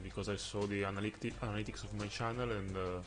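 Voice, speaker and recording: This Italian streamer, a man from Italy, covers his own football game in English, his second language, in an Italian accent. He speaks on the low side with a steady tone, pausing often and using fillers as he searches for words.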